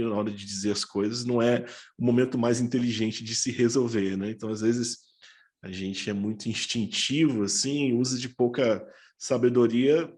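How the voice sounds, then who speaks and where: A man in casual conversation, talking in an unhurried, rambling way. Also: medium pitch, a little mellow.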